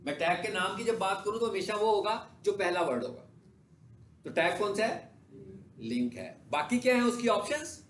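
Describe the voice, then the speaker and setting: A man's voice: sits high, animated, moderate pace, slight background noise. A male instructor giving a classroom lecture with a screen demo, often asking his students questions and then answering them himself. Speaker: digital marketing instructor.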